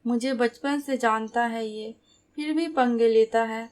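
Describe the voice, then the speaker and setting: Brief: a woman doing a young bride-to-be, teary and stubborn, pouting, rather high and slow. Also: a little mellow, smooth, lightly acted. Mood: upset.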